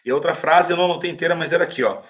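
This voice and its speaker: Male English teacher with a Brazilian Portuguese accent, fairly high-pitched, casual and chatty in a live Q&A, slows right down for English examples. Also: fairly bright tone. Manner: casual, chatty, reads viewer questions aloud; says English example phrases slowly and carefully. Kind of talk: live-stream Q&A lesson.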